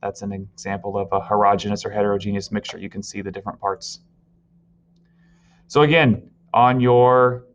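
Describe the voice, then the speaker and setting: A male teacher giving a recorded virtual science lesson, explaining step by step and telling students what to write down. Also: on the low side. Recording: slightly dull lo-fi audio.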